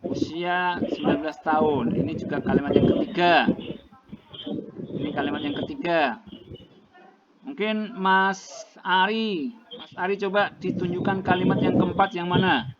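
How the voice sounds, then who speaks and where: Man teaching slowly in a noisy classroom. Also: high voice. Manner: explains slowly, repeats each point in translation. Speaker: English teacher. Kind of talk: classroom lecture, mixing languages. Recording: dull lo-fi classroom recording with clear noise.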